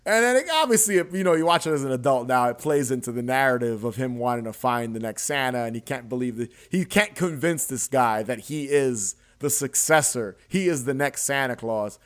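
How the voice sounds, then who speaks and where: A young adult man hosting a podcast, retelling a film scene in a casual, animated way with laughs and swearing. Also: mid-range voice, brisk, few pauses. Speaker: podcast host. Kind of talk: casual chat.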